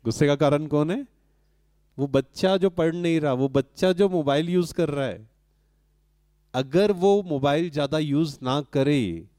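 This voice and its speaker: A man speaks to a live audience, posing questions and then answering them himself. His voice is mellow, and it sits close and dry on the mic, with little room sound. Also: on the high side, no echo. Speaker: spiritual speaker addressing an audience. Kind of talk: interactive talk to a live audience.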